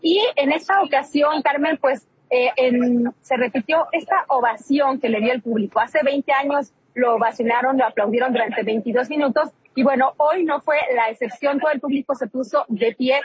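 A woman's voice: high voice, slightly rough, dry recording, muffled recording. A woman correspondent giving a live news report over a remote call line that sounds like a laptop speaker, chatty and full of fillers. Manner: chatty, many fillers and restarts.

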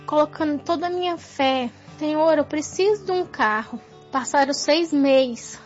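A woman's voice: high voice, darkish tone. A woman giving a fervent, prayerful church testimony in a dull lo-fi recording with faint music.

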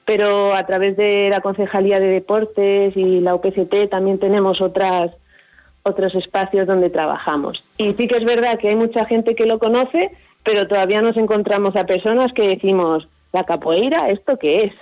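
A woman's voice: mid-range voice, steady tone, moderate pace, narrow, tinny audio. A woman, a capoeira instructor, explaining at length and with enthusiasm in a radio interview.

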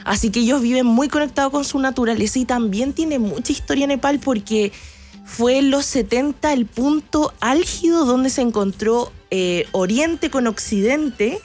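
Talkative Chilean woman, bright voice. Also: high voice, moderate pace, faint music behind. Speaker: travel agency press chief, guest. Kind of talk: radio interview, enthusiastic travel talk.

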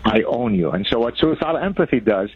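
A man's voice: mid-range voice, animated, quick pace, breathy edge, no room sound, muffled recording. A man around sixty, from Lebanon, a guest author explaining his ideas in an articulate, professorial way. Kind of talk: radio interview.

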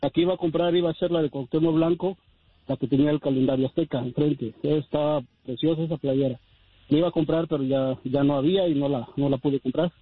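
Defensive caller on phone. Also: male voice, a little high, fairly even intonation, fast, husky, no room sound. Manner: defensive, rambling explanation. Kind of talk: phone-in chat. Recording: tinny phone line.

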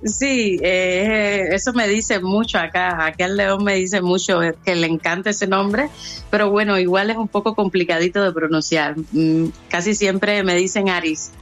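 A woman from Cuba with a Cuban Spanish accent, talking through her story as an interview guest, with hesitations, restarts and lively quoted voices. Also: medium pitch, a little slow, faint music behind. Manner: hesitant, many restarts and fillers, lively when quoting others. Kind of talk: conversational storytelling.

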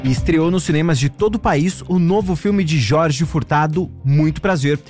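A man presenting a news segment with a smooth announcing delivery. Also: on the high side, normal speed, darkish tone, soft background music. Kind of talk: scripted news read.

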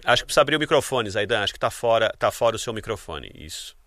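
Bright-voiced male radio sports host. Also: on the low side, lively intonation, no room sound. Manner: upbeat, quick banter with co-hosts. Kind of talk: casual radio sports chat.

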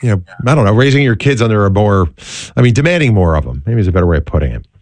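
A middle-aged man hosting a live call-in radio show with a smooth radio host delivery, welcoming callers and guests. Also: fairly low pitch, very animated, very fast, darkish tone.

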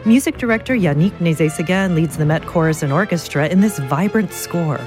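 A woman reading a scripted radio promo in a loud, dense announcer's voice with polished, measured delivery. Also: fairly low pitch, animated. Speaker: radio announcer for an opera broadcast. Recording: promo read over clear music. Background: music.

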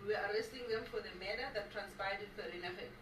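A woman's voice: mid-range voice, quick pace, fairly bright tone, far from the mic, slight background noise. Woman interpreting testimony in an echoey courtroom. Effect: interpreter rendering a witness's testimony into English. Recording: echoey courtroom, picked up from afar.

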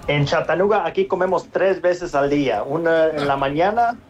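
A man's voice: on the high side, moderate pace. A man from Mexico with a Mexican Spanish accent, a restaurant manager calling in to a radio show and answering in an easy, friendly way. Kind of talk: phone-in guest on radio. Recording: dull lo-fi phone line with faint noise.

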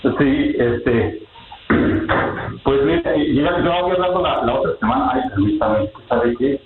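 A man's voice: medium pitch, animated, unhurried. A man calling in on speakerphone from inside a building, his hesitant words ringing back with a heavy echo on the phone line. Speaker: caller. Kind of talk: phone-in chat with radio hosts. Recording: echoey, tinny phone line.

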